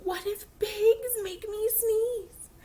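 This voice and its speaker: A woman's voice: very high-pitched, a little hiss or hum, pitched above the performer's own voice. A woman voicing a worried male elephant who keeps sneezing, reading a picture book aloud. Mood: fretful. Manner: fretful, halting, sneezy.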